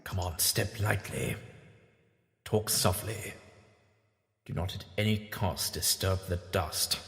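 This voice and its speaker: A man plays an eccentric, knowing alien traveler in an audio drama. His voice is gravelly and a little low, musing with deliberate, theatrical pauses. It rings with long reverb in an echoey space. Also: exaggerated voice. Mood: urgent, guarded.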